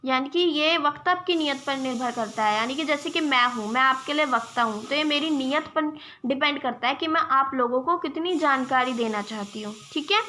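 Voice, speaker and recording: A woman's voice: high voice, brisk, few pauses, bright, forceful tone, slight background noise. A young woman teaching an exam-prep lesson, explaining step by step and checking in with her viewers as friends. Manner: addresses viewers as "friends", gives examples.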